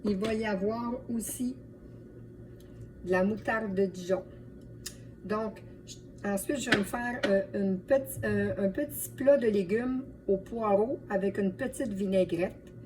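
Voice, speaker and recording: A woman's voice: mid-range voice, a little slow. Quebec French woman, distant mic, chatty cook. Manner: chatty, addresses viewers as friends. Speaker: home cook and video host. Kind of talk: casual cooking demonstration vlog. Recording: distant mic, light background noise.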